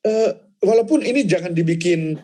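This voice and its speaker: A man, a pastor, telling a personal testimony in casual chat, animated and laughing as he goes, repeating words for emphasis. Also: sits high, normal speed. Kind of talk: casual testimony in a church talk.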